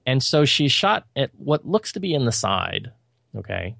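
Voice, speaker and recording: A man's voice: medium pitch, big pitch swings, normal speed, creaky, sharp tone, no echo, studio quality. A man co-hosting a podcast, reviewing films in casual chat with an opinionated, critical and rambling manner. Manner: loose, rambling delivery.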